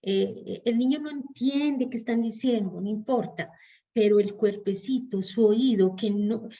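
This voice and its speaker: A woman with a Colombian Spanish accent lectures in a thoughtful, halting way, circling back as she builds each idea. Her voice is mellow and a little dull in tone, as over a lo-fi connection. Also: fairly high pitch. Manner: thoughtful, hesitant, restarts phrases while reasoning aloud. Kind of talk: online psychoanalysis class lecture.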